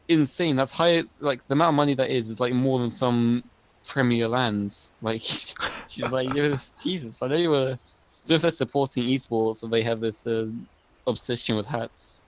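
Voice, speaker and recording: A man's voice: mid-range voice, moderate pace, dry recording, poor audio. A man giving live analysis of a video game match in a chatty, analytical way. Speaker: esports caster.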